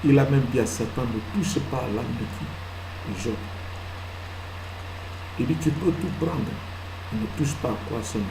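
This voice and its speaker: A male pastor preaching a sermon, swinging from loud emphatic peaks to hushed asides and answering his own questions. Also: medium pitch, lively intonation, normal speed, long pauses, noisy background. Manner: asks the congregation questions and answers them himself. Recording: echoey hall with faint ambience.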